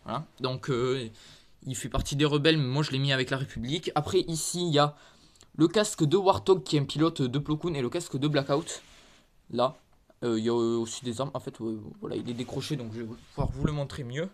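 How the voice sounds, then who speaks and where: Holding a phone camera, a man with a head cold films a show-and-tell of his toy collection in a converted attic room with a creaky floor. His medium-pitched narration is casual, halting and full of fillers as he points out items one by one.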